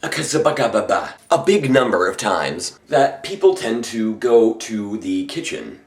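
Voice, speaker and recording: A man's voice: fairly low pitch, sing-song, unhurried. A young man rambling through a jokey casual vlog, often dropping into whispers. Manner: rambling, jokey, drops to whispers and mock voices. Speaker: vlogger. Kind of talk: casual comedic vlog monologue.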